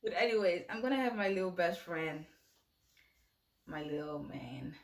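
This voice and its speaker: A young woman in her late teens, a native Dutch speaker, talking softly and haltingly in a personal confessional vlog. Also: lowish voice, animated, creaky, reverberant. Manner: soft-spoken and halting. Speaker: vlogger. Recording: voice distant from the mic.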